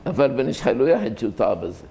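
A man giving a sermon, telling a miracle story and explaining a religious law in a plain-spoken way, with sudden high rises for emphasis. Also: very animated, creaky, mellow, husky. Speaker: religious teacher. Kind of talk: sermon storytelling and halakhic lecture.

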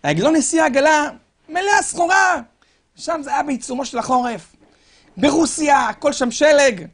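A man preaching a sermon as a dramatic story, asking the crowd rhetorical questions and swinging from loud calls to hushed tones. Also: very high-pitched.

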